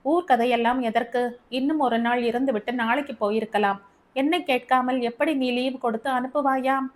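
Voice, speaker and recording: A woman reads an arrogant young husband in an audiobook story, scolding his wife in a raised, emphatic voice. He is irritable and proud of his status. The voice sits fairly high. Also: steady tone, moderate pace, natural voice. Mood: angry, scolding. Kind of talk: audiobook character reading.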